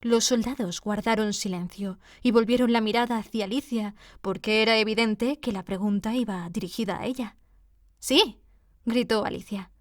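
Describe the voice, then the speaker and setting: A woman narrating a classic storybook with a steady, measured reading. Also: medium pitch, dry recording, studio quality. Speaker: audiobook reader.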